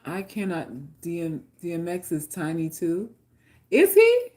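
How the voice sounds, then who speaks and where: This New York-accented woman from Queens hosts a livestream and reads chat aloud, joking, swearing freely, and speaking bluntly to viewers off the cuff. She has a lowish, a little mellow voice whose pitch swoops wildly, and she talks a little slowly.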